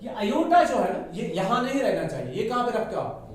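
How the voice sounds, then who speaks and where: High-voiced man teaching in an echoey classroom. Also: huge pitch swings, brisk. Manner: explains step by step, asks the class questions and has them answer; mixes English into his sentences. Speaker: maths teacher. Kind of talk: classroom lecture. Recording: echoey classroom from far off with faint noise.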